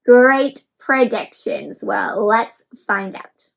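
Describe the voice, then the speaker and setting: This children's read-aloud host and teacher has a high voice and reads a picture book very slowly on a creaky, rough recording. Her delivery is expressive and instructive, and she treats her listeners as friends, asking them questions frequently throughout.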